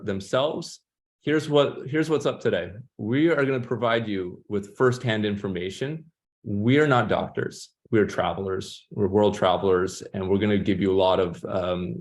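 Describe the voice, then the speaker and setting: A man's voice: lowish voice, a little mellow. A man hosting an online roundtable, talking upbeat with many fillers and restarts. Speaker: host of online panel. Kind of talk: casual moderating.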